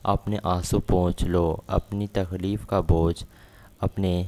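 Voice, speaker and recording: Soothing young woman read by a man, deep flat voice, plain reading. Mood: consoling. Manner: plain read-out of a quoted line. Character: gentle consoling young woman, sister-in-law.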